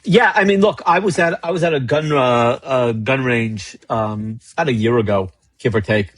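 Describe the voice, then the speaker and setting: A man's voice: medium pitch, moderate pace, a bit bright, slightly rough, dry recording. A man chatting as a podcast guest, telling stories with lots of acted-out dialogue and restarts. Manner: storytelling, acts out dialogue with frequent restarts. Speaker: guest, gun rights advocate. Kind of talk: casual podcast chat.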